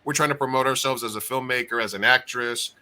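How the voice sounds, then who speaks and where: Casual male podcast host with a bright, forceful voice who rambles through his questions. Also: medium pitch, fairly even intonation. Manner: rambling, halting, many fillers. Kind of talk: interview questions, casual chat.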